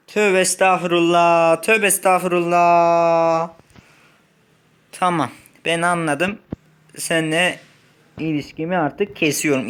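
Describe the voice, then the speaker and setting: A man's voice: high-pitched, pushed and bright, clear, resonant tone. A male gaming host in a playful role-play, playing a whiny, complaining patient with mock drama.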